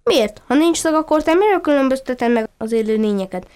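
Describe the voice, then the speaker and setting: A cheeky little duckling, eager and chatty, with a teasing streak, as a woman storyteller puts it on. The voice is fairly high, smooth and clear. It belongs to a children's storybook reading. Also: expressive, a little mellow.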